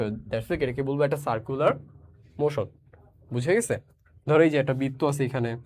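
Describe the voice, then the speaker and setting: A man's voice: medium pitch, darkish tone. Man teaching physics, drilling by repetition. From Bangladesh. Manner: repeats questions and answers, mixes English words into speech. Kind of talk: online physics lesson.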